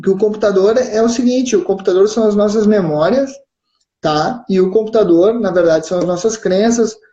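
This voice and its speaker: A man's voice: sits high, brisk, mellow. A man with a southern Brazilian gaúcho accent, co-hosting a live stream and explaining patiently, often checking in with "né?" and "certo?". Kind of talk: explanatory casual chat. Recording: roomy, dull live-stream audio.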